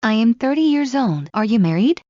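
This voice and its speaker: A woman reading scripted English practice dialogues in a slow, clear drill delivery. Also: fairly high pitch, expressive, warm tone, no room sound. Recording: muffled lo-fi recording.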